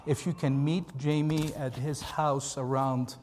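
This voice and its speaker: American pastor talking in an echoey hall. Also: male voice, medium pitch, flat delivery, unhurried, darkish tone, slight background noise. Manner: conversational, emphatic repetition. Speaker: pastor, seminar speaker. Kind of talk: informal church training talk. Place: large hall, speaking to a group. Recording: echoey hall with long reverb.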